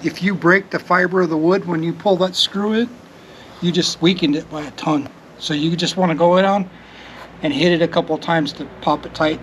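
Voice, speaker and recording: A man's voice: fairly high pitch, fairly bright tone, slight background noise, low-quality recording. A man with a Southern US accent explaining woodworking tips plainly in a home garage. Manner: plain-spoken, instructive. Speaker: builder helping on the project. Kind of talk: casual how-to explanation.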